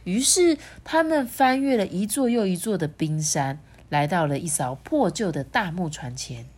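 A mother reads a children's storybook aloud in an animated storytelling voice. She lingers on the particles at the ends of her phrases. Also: lowish voice. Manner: animated, drawn-out sentence particles.

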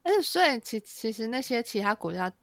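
A woman co-host reacts to stories with short exclamations and laughs, her voice fairly high. Her pitch moves in lively swings. The recording is dry and close. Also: a little fast, dry recording. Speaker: podcast co-host. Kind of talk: casual chat, reacting and listening.

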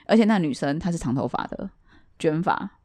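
Lively fast-talking woman. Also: sits low. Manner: animated storytelling, laughs often, acts out quotes. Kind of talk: casual ghost-story chat.

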